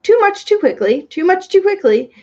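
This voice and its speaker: A puffed-up, long-winded male bug from a storybook, as a woman reader puts him on. He speaks in a high, swooping voice, fussy and self-important. The recording sounds dull and lo-fi. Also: big pitch swings, normal speed, slightly rough, heavily acted. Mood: pompous. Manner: grandiloquent, agrees with everyone. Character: pompous fussy male humbug insect, wordy.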